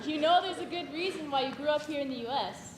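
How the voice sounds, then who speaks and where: High voice, teasing big sister, as a young woman plays her, earnest explainer, roomy stage echo, background noise. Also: fast, natural voice. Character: teasing, protective older sister. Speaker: student actor in a campus stage play. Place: live stage in a hall.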